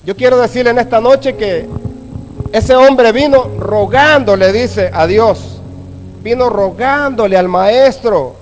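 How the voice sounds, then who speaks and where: A man's voice: extremely high pitch, slow pace. A man preaching a sermon to a congregation, reading scripture and checking in with the listeners between phrases. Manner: preaching with frequent "¿verdad?" asides to the congregation. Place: church.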